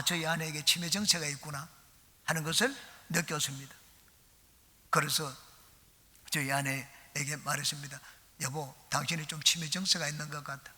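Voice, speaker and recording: A man's voice: fairly high pitch, pushed and bright. A middle-aged man preaching a sermon in a church, emphatic and calling the congregation to repeat after him. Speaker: pastor. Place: church sanctuary. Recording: reverberant church hall.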